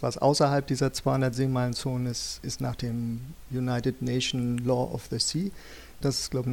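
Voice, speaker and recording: Male scientist interviewee. Mid-pitched, fry-laden voice, explaining off the cuff in halting phrases. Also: darkish tone. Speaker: geochemist interviewed as an expert.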